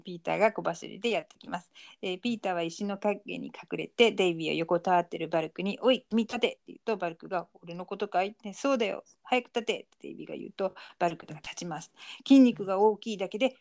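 A woman casually going over a TV episode with a friend. She narrates each scene in an easygoing, steady way and slips in small chuckles. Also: lowish voice, fast, vocal fry, hardly any pauses. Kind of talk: casual chat recapping a TV episode.

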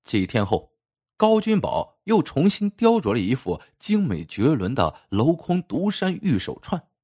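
A man narrating a folk tale with expressive, storytelling delivery. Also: fairly high pitch, unhurried, slightly rough.

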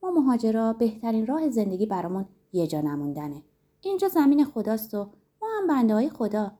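A woman's voice: on the high side, very animated, dark tone. Woman putting on a breezy teasing young woman. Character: carefree laughing young immigrant woman.

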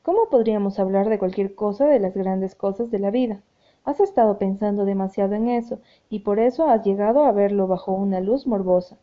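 Gentle caring young woman, read by a woman, soothing and tender, sounds like a phone line. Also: medium pitch, close to an everyday voice.

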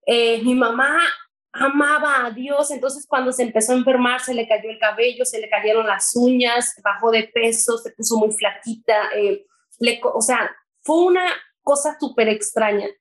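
A Mexican woman with a slightly high voice tells her faith story earnestly. She speaks with feeling and stumbles over her words now and then as a guest recounting her life. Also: moderate pace, rough recording. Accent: Mexican Spanish. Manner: earnest and emotional, with hesitations. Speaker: guest sharing her testimony. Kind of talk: personal faith testimony.

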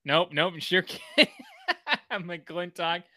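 A man's voice: sits high, steady tone, extremely slow, sharp tone, no echo, clean studio sound. A man co-hosting a podcast in casual chat, joking, laughing often and breaking into bits of show tunes. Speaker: podcast co-host.

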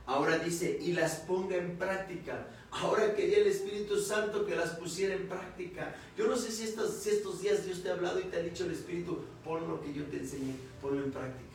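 A young man with a high-pitched voice preaches a sermon at a brisk pace with few pauses, recorded far from the mic in an echoey room. He tells a personal testimony as a story, acting out the dialogue, then builds to emphatic repeated phrases.

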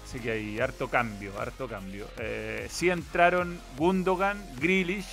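A man's voice: medium pitch, steady tone, a little slow, gravelly, fairly bright tone, faint music behind. A man co-hosting a football podcast, listing lineups and absences in a matter-of-fact, casual way. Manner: lists lineups and injuries matter-of-factly.

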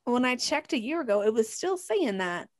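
A woman's voice: a little high, big pitch swings, moderate pace. A young woman from Canada co-hosting a podcast, talking in a heated, blunt way and swearing a lot. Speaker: podcast co-host. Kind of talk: casual chat.

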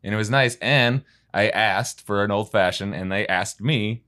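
A man's voice: fairly low pitch, moderate pace, bright, forceful tone. Rambling man from Wisconsin. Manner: rambling, self-interrupting storyteller. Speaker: guest. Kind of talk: casual podcast chat.

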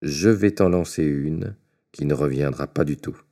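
Brief: a man voicing a gruff, scornful giant, very deep dark storybook voice. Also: a little slow.

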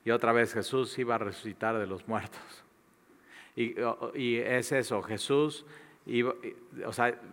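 A man preaching a sermon and leading a closing prayer, repeating words for emphasis and dropping from loud to hushed. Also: mid-range voice. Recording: long reverb of a large hall.

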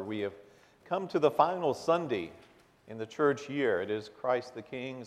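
A man speaking as a pastor, giving a formal, measured welcome and announcements to a congregation. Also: medium pitch. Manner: formal, measured public address. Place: large church sanctuary, indoors. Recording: long reverberant church hall.

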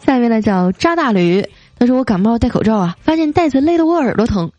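A woman's voice: fairly high pitch, very animated, fast, highs cut off. A woman hosting a casual show, playfully reading out and teasing listener comments. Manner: playful, teasing, reads jokes with light voiced quotes. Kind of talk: casual chat. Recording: soft music behind.

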